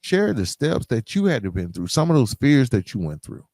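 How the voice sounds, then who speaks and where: Hosting alone, this man talks straight to his audience with emphatic, heartfelt motivation and keeps circling back to key phrases. His mid-range voice is sing-song and darkish, moving at normal speed, recorded with studio quality and no room sound.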